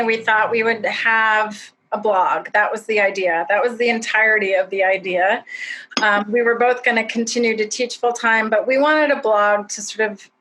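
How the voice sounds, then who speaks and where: A woman's voice: mid-range voice, fairly bright tone, rough recording. A woman who co-founded a podcast, explaining its start in a candid, self-deprecating way with light laughs. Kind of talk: casual explanation in a webinar.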